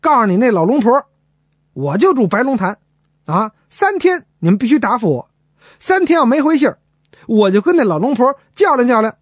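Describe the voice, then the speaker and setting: A man's voice: very high voice, very animated, moderate pace, no echo, clean studio sound, voice pushed up, heavily acted. A man voicing a young male dragon villain who swaggers and bullies. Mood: taunting. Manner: swaggering, bullying.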